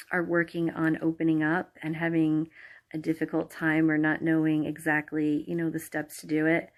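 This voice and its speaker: A woman leading a guided imagery meditation, chatty with fillers at first, then soft and slow with calm, hypnotic pacing. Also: deep voice. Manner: chatty with fillers before the induction.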